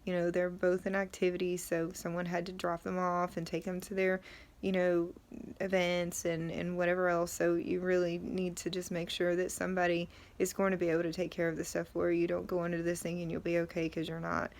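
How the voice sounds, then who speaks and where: Low, flat-toned woman, sore after tonsil surgery. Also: a little fast. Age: middle-aged. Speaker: vlogger. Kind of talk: casual talk to camera about recovery.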